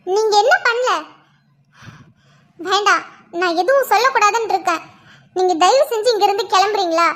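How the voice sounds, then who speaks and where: A woman's voice: very high-pitched, moderate pace, long pauses, fairly bright tone. A woman voicing a furious young wife in a cartoon drama, accusing and scornful. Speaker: cartoon character voice.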